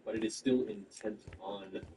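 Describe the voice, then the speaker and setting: A man running a tabletop game as game master, narrating the action in a lively way with false starts. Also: on the low side, moderate pace. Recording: distant mic in a noisy room.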